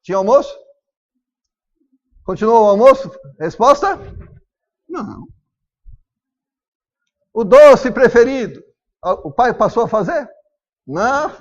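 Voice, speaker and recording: Animated high-pitched Brazilian pastor preaching. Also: male voice, slow, long pauses, lo-fi sound. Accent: Brazilian Portuguese. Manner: animated preaching, acts out family dialogue. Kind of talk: sermon.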